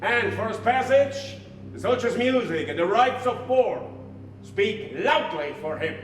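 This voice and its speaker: An actor playing a solemn, commanding prince claiming a throne, declaiming in a stately way in a stage tragedy. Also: male voice, high voice, expressive, measured pace. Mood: solemn, regal. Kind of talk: theatrical stage tragedy in verse. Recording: distant echoey stage with music.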